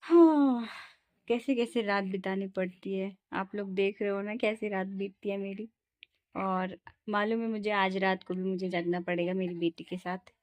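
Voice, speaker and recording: Mellow-voiced young mother vlogging at home. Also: mid-range voice, steady tone, moderate pace, no room sound. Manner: soothing sing-song coaxing to her baby. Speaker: mother vlogging her day. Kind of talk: casual home vlog talk.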